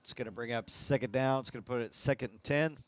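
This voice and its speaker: A man doing color commentary on a high school football game, joking and self-deprecating as he gives the score. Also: fast. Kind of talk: sports commentary.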